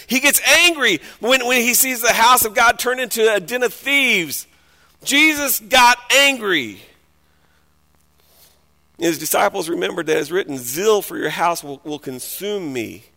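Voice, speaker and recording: A man preaching a sermon and reading scripture aloud, dramatic, swinging between hushed passages and loud outbursts. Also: very high voice. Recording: long hall reverb.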